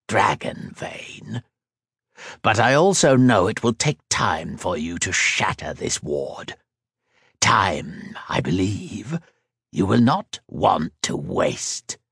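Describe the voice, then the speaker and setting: A man putting on a rasping, whispery hooded creature. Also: sits low, dry recording, studio quality, heavily acted. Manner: slow, quiet and taunting.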